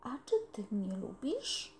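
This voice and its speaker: A woman's voice: medium pitch, very animated, slow pace, slight background noise. A woman reading aloud, voicing a lonely, prickly young girl with an earnest, wistful manner.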